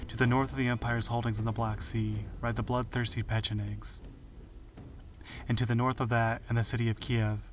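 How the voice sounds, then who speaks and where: A man hosting a history podcast, telling it in measured, dramatic scripted narration. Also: mid-range voice, slight background noise. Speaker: podcast host. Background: music.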